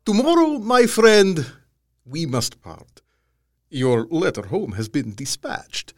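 A man playing a courteous yet menacing vampire count in an audio drama, commanding and mocking, with a slow, theatrical delivery and a husky voice. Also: on the high side, big pitch swings. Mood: smooth, courteous. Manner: slow, theatrical, stately, with sudden swells.

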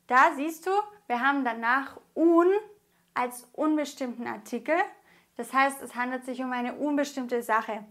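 A woman from Germany teaches a grammar lesson with a high voice. She speaks slowly and enunciates each word with care, like a patient teacher. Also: fairly bright tone. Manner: slow, carefully enunciated explaining. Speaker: Spanish teacher.

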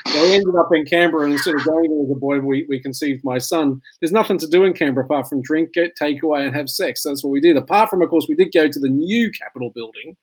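A man's voice: a little high, fast, few pauses, slightly rough, poor audio. A tired middle-aged Australian man in casual chat, rambling through anecdotes and laughing at his own jokes.

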